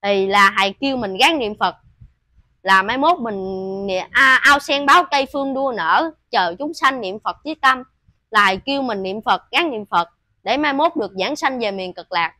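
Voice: mid-range voice, expressive, normal speed, sharp tone, no room sound. A preacher with a Southern Vietnamese accent giving an informal sermon, telling stories to the listeners and chanting lines of religious verse.

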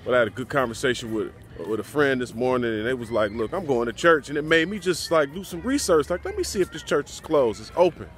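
A man's voice: mid-range voice, expressive, quick pace, few pauses, faint music behind. A man in his forties vlogging outdoors to a phone held at arm's length, talking in an upbeat, preachy way straight to his viewers. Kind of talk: casual vlog talk to camera. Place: outdoors on a church campus and a mountain lookout.

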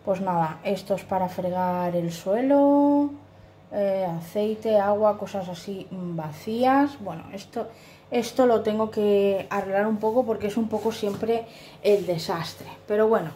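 A Spanish woman vlogs a cosy, chatty tour of her small, dim flat on a handheld phone, apologizing often and filling gaps with "¿vale?" and other fillers. Her mid-range voice moves at a measured pace. The tiled kitchen and bathroom make the sound echoey, with a little hiss or hum.

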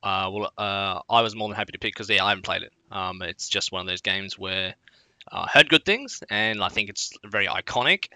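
A man co-hosting a casual gaming let's play with a very bright, sharp tone and a slightly low pitch. He rambles and chats freely, circling around his points. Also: a little fast, no echo. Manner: rambling, many fillers and restarts, chatty. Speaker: co-host.

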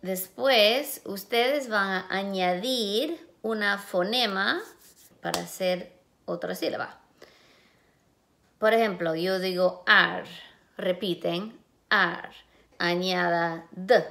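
A woman teacher leading a phonemic awareness lesson for young children, sounding out syllables slowly and clearly one phoneme at a time. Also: lowish voice, fairly bright tone. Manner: slow, clear, drawn-out sound-by-sound pronunciation.

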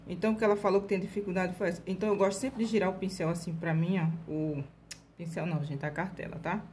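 Mulher brasileira explicando pinceladas devagar. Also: female voice, fairly low pitch, steady tone, a little mellow, a little hiss or hum. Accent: Brazilian Portuguese. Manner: chatty, constantly checking in with "tá?" and "ó"; slow, deliberate demonstration while painting. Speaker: nail art tutorial host. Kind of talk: casual step-by-step tutorial.

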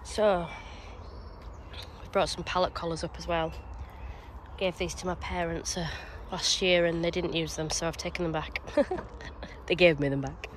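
A woman's voice: lowish voice, steady tone, normal speed. Chatty woman on a noisy allotment. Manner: chatty, explaining as she works. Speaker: gardening vlogger. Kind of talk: casual walk-through chat. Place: outdoor allotment, windy. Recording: noisy outdoor recording. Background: wind and a strimmer.

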